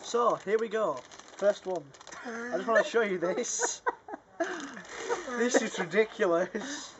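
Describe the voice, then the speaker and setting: A man's voice: high voice, expressive, slow pace, fairly bright tone. A young man chatting casually to camera as he hosts a challenge video outdoors. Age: young adult. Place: small fenced back garden, outdoors. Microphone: camera a few feet away. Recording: clear outdoor background noise.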